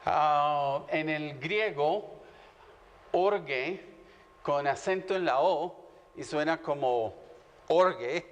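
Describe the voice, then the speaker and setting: A man's voice: on the high side, takes it slowly. Man interpreting in a reverberant hall. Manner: reads aloud, then echoes the teacher phrase by phrase. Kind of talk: live interpreting and scripture reading.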